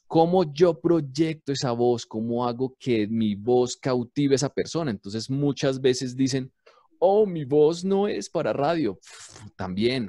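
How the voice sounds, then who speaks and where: A man who teaches and produces university radio, explaining storytelling in a lively way and answering his own rhetorical questions. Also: medium pitch, dry recording, clean studio sound. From Colombia.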